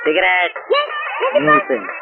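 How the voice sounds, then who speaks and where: A man's voice: takes it slowly, close to an everyday voice. An actor playing a snobbish man who sneers at the people seated beside him, dropping English words. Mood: sneering. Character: snobbish groom scorning his company. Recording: phone-like band from a distance with loud music.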